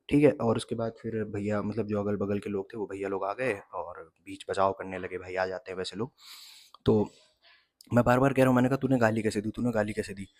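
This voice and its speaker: A young fitness vlogger tells a story in a casual, chatty way, mixing in English phrases. His voice is lowish and a little mellow, and the recording is dry.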